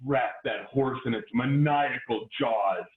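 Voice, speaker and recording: A man's voice: mid-range voice, slow pace, close to an everyday voice. Man playing a mustache-twirling melodrama villain, echoey phone-like sound. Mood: thwarted, vengeful. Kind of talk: hammy stage melodrama acting. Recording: echoey, tinny phone-like online call.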